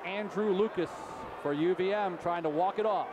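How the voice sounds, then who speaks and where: A man doing live hockey play-by-play in clipped, excitable phrases. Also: high-pitched, normal speed, muffled recording. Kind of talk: live sports play-by-play commentary. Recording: loud arena crowd and rink noise. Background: crowd and arena noise.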